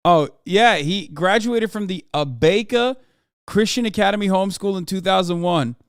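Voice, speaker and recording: A man's voice: high-pitched, normal speed, clear, resonant tone, no echo, studio quality. A man in his thirties streaming and reacting to a video, swearing and mocking in disbelief. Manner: profane, incredulous and mocking. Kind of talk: casual live-stream commentary.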